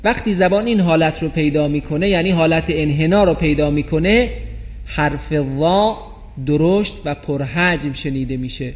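A man teaching Quranic letter pronunciation, explaining clearly and chanting example words slowly, in a dull recording with long reverb. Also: fairly high pitch. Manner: slow drawn-out chanted recitation of example words. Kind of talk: tajweed pronunciation lesson.

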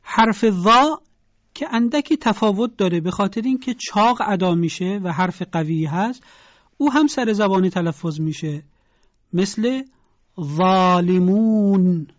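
A Quran pronunciation teacher giving a broadcast lesson, spelling out sounds slowly and deliberately for listeners to repeat. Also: mid-range voice, lively intonation, no room sound, dull audio.

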